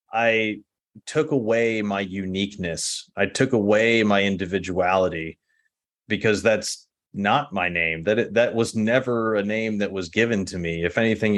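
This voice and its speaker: Deep-voiced male guest from Texas, relaxed and reflective, quick to laugh. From Texas, United States. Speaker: podcast guest. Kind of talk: casual conversational interview.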